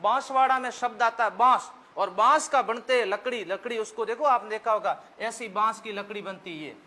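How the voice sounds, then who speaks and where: A high-voiced man with a Rajasthani accent teaching history for competitive exams. His bright, ringing tone carries homely jokes and quick questions that he answers himself. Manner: folksy, joking, asks the class questions and answers them himself. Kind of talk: exam-prep history lesson.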